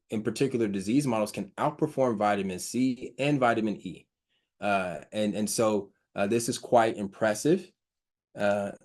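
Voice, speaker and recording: Speaking on the low side with a darkish tone, this man walks through hydrogen health studies on slides, quoting them and then explaining in fits and starts. Fillers and restarts are constant, and he admits to having a stutter.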